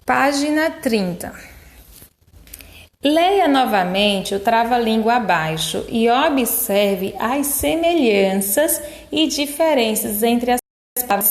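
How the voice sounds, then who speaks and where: A woman teacher with a fairly high voice walks young children through their workbook at an unhurried pace. She draws out syllables slowly to model each sound and softens her words with affectionate diminutives. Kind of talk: slow, patient workbook explanation for young children.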